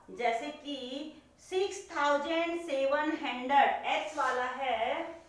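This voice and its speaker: A woman teaching young children in a classroom lesson, slow and patient. She repeats each question and answers it herself. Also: sits high, fairly bright tone. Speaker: primary school teacher. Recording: very echoey room, voice from far off.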